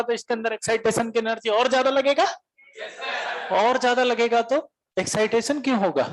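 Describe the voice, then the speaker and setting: A man voicing an indignant young male Bihari student with a Bihari accent, protesting loudly in a classroom lecture. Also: sits high, poor audio. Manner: loud, protesting, rapid complaints.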